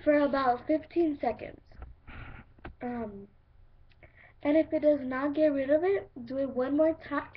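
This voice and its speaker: A high-pitched female voice walks the viewer through a home remedy one step at a time in a chatty way. The recording is dull and lo-fi, with a faint hiss under it. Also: a little slow, long pauses. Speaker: video host. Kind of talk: casual home video how-to.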